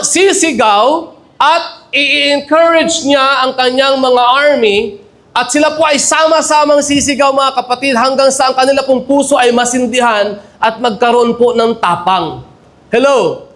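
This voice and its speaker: A male pastor with a Filipino accent preaches from the pulpit of a church. His voice sits very high, and he keeps checking in with the congregation through short call-and-response asides. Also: fairly bright tone. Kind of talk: sermon.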